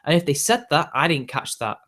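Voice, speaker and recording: His voice sits on the high side, swings widely in pitch, and moves briskly with a fairly bright tone. He's a young-sounding British YouTube host in his twenties, chatting and ranting at viewers in an exasperated, filler-heavy way.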